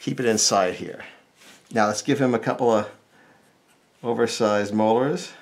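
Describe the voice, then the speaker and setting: In an unhurried, fairly low voice, a middle-aged American man who works as a cartoonist and drawing instructor walks through an informal lesson one step at a time, talking his thoughts through as he draws.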